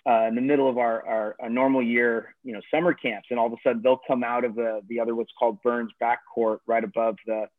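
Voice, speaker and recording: A man's voice: mid-range voice, little pitch movement, fast talker, few pauses, dry recording. A man, a college tennis coach, talking casually in an interview, rambling with many fillers and restarts. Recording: dry tinny phone-like call audio.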